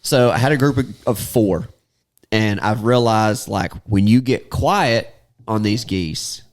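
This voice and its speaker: Speaking slowly in a lowish voice, a duck hunting guide who also hosts a podcast spins stories in casual conversation. He laughs a lot, restarts often and drops a Southern "y'all."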